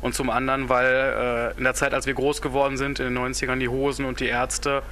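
A man's voice: mid-range voice, level tone, brisk, fairly bright tone, slight background noise. A man from a band who talks in an easygoing, joking way during a casual interview. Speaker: band member.

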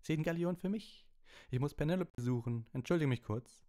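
A man's voice: fairly high pitch, fairly quick, mellow, pitched above the performer's own voice, lightly acted. A man doing Percy, a chipper teenage wizard. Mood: pleased. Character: cheerful teenage wizard boy, proper and pleased.

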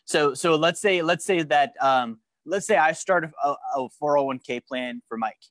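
A young man teaches a live finance course in a studio with a branded backdrop and a large screen, gesturing at the screen animatedly. He often restarts and stops to ask the room questions. His voice is a little high, at normal speed, with no echo.

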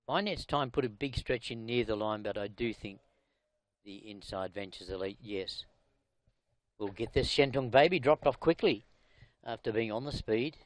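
A man calling a horse race replay, brisk and informal, lifting his voice on the horses' names. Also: lowish voice, dry recording. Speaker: race caller. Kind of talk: horse racing commentary.

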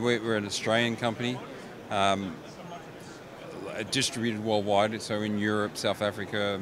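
A middle-aged man, a company managing director, explaining his products into a handheld mic at a trade show booth, with frequent restarts. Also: on the low side. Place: busy exhibition hall booth. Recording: noisy trade show floor.

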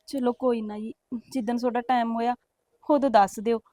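A woman's voice: a little high, steady tone, fairly quick, dry recording, close to an everyday voice. A young woman with a Punjabi accent playing a newly married wife who coaxes and complains to her husband. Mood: coaxing. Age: young adult. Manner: soft, coaxing, complaining. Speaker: actor in a short film. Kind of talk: village short-film acting.

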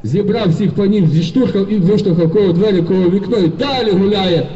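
A man's voice: sits high, fairly quick. Man telling a folk tale in a hall. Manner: lively, vivid storytelling. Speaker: folk storyteller. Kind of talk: live folk tale performance. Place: concert hall, live audience. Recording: dull distant concert-hall recording.

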